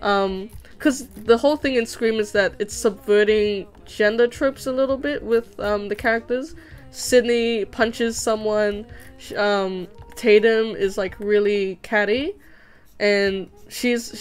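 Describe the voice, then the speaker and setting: A clear, resonant mid-range voice belongs to a young woman whose first language was Vietnamese. She chats casually in a room at home while she animates, rambling and restarting with lots of fillers.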